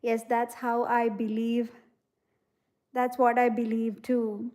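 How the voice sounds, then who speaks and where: A woman's voice: a little high, flat delivery, slow, a little mellow. Earnest woman chatting on a livestream. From India. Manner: earnest and reflective, with many "you know" fillers; reads out and answers viewer comments. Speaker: livestream host. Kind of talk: casual livestream chat.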